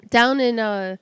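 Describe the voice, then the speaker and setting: A woman's voice: on the high side, a bit bright, clear, resonant tone, no echo, clean studio sound. A woman co-hosting a casual podcast chat over drinks, giggly, teasing and profane.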